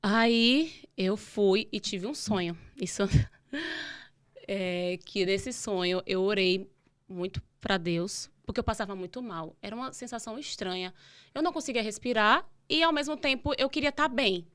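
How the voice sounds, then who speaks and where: A young woman, talking as a guest on a podcast. She tells her story casually and with lots of energy, acting out the voices of the people she talks about. Her voice sits at a middling pitch and swings up and down a lot. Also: unhurried, clean tone. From Brazil. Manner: animated, acts out dialogue in her retelling.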